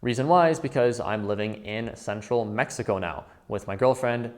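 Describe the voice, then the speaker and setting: Speaking at a normal speed, a persuasive French-speaking man in his 20s from Quebec, Canada pitches straight to camera. He's a trading educator making a promotional appeal, emphatic and direct with the viewer.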